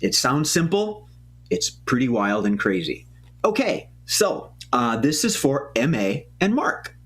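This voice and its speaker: A man's voice: mid-range voice, sing-song, measured pace, fairly bright tone. A man hosting a live improv comedy show, announcing games and giving suggestions. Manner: chatty, throat-clearing, calls games and suggestions. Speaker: improv host. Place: stage of a small TV studio.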